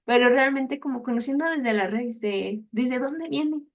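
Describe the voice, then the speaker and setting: Young woman chatting through a faith lesson, kinda high voice, does little inner-voice bits, laughs at herself. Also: a little slow. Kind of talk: casual teaching talk.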